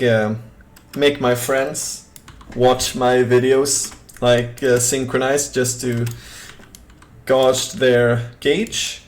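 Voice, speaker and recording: A young man from Sweden with a Swedish accent, chatting casually on a game live stream, reading chat aloud with lots of fillers. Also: mid-range voice. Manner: rambling, reads chat aloud, many fillers.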